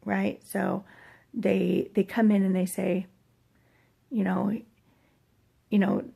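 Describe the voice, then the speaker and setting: Sounding weak and achy after her operation, this middle-aged American woman talks slowly in a medium-pitched, mellow voice with a flat delivery. Husky, breathy and gravelly, she rambles hesitantly in a casual recovery vlog shot in a hotel room.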